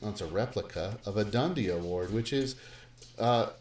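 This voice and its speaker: A man's voice: fairly low pitch, moderate pace, a little mellow. A middle-aged man, a math teacher, talking casually and playfully through a live-streamed lesson in a classroom, with lots of fillers and asides. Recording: roomy live stream with faint noise.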